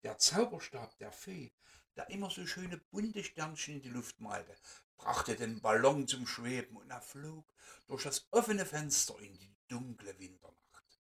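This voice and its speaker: A man reading a children's story aloud in an expressive, animated way, recorded from a distance. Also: mid-range voice, a little slow, creaky.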